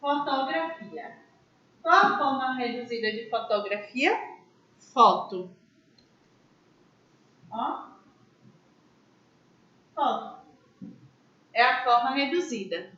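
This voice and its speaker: A woman's voice: high-pitched, big pitch swings, slow, pauses often, a bit bright, roomy sound, lo-fi sound. A woman teaching a grammar class, explaining step by step and asking her students questions. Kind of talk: online class lecture.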